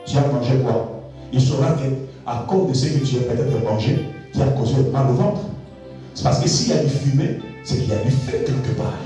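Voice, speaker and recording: A man preaching a sermon. He repeats words for emphasis and swings from low asides to shouted high lines. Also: fairly quick. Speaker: pastor. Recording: very echoey, distant from the mic, faint music.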